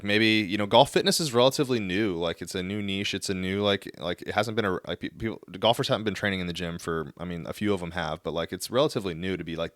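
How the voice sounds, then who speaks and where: A man's voice: low voice, fairly bright tone, no room sound, clean studio sound. A man co-hosting a podcast, talking earnestly and rambling through his thoughts. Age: 30s. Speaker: podcast co-host, golf fitness coach. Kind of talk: casual podcast chat.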